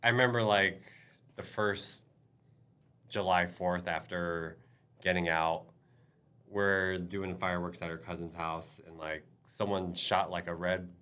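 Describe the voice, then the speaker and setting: A man with a very low, deep voice talks as a guest on a casual podcast. His speech is halting, full of fillers, and often trails off mid-thought. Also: steady tone, bright, forceful tone, clear, resonant tone. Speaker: guest, veteran.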